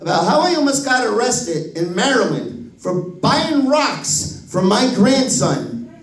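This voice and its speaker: Animated profane man in his fifties. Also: very high voice, slow, distant mic. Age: 50s. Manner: profane, animated, acts out voices. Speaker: stand-up comedian. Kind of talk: stand-up comedy storytelling. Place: comedy club stage. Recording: roomy echo, voice from the mic.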